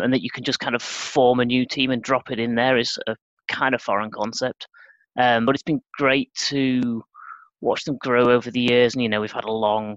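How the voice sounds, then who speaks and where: A man's voice: medium pitch, a bit bright, no room sound, dull audio. A middle-aged man from Sheffield, guesting on a podcast and answering thoughtfully with dry understatement. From Sheffield, England. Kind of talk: casual interview chat.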